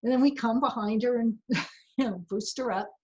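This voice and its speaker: Female therapist, workshop presenter; breathy, higher voice, conversational and laughing, muffled recording. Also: moderate pace, darkish tone. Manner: chatty and conversational, often laughing between points.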